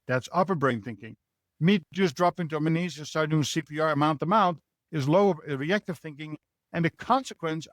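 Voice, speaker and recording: A Dutch man from the Netherlands, with a somewhat high, slightly bright voice, answers interview questions as a leadership mentor. He explains things earnestly and frequently tacks on a rhetorical "right?", and the recording has no echo.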